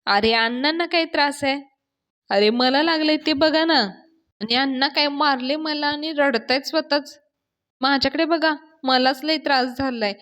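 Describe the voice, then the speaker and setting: एक स्त्री साकारत असलेला दुखापत झालेला पण काही झालं नाही असं सांगणारा तरुण पुरुष, आवाज थोडा वरच्या पट्टीत. तो आग्रहाने आणि दिलासा देत बोलतो. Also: female voice, high voice, moderate pace, fairly bright tone, pitched above the performer's own voice. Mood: complaining. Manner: reassuring, protesting. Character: young man, injured yet brushing it off.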